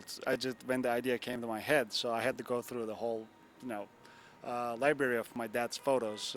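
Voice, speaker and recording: At a bar and grill, a young Turkish photographer answers interview questions loosely, rambling and dropping lots of fillers like "you know what I'm saying." His voice is mid-range and a bit bright, with slight hiss or hum.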